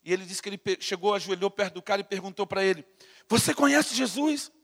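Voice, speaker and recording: A man with a Brazilian Portuguese accent preaching a sermon with fervor, swinging from loud to hushed and stammering as he builds his points. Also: sits high, little pitch movement, rapid-fire, long reverb tail. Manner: stammers and repeats words while building to a point. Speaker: pastor.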